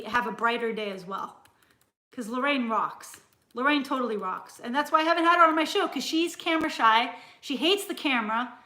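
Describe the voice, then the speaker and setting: Woman host, high bright voice, frank chatty live-stream talk, roomy echo. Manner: chatty, frank, laughs often. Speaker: cooking channel host. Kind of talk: casual live-stream chat.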